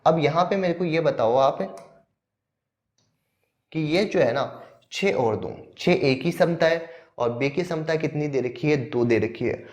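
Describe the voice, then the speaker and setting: A man's voice: fairly high pitch, unhurried, long pauses, a little mellow. A man teaching an exam-prep maths lesson who talks through each step, asks questions and answers them himself.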